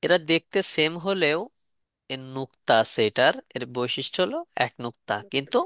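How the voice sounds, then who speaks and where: A man's voice: a little high, lively intonation, moderate pace, bright, forceful tone, clean tone, dry recording, clean studio sound. A man teaching Quran letter pronunciation in a live online class, repeating questions and asking students to respond.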